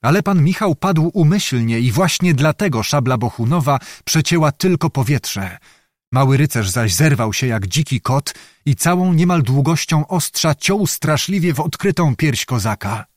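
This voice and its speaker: A man reading a historical novel aloud in measured, dramatic scripted narration. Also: on the high side, lively intonation, no echo, studio quality. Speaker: audiobook narrator.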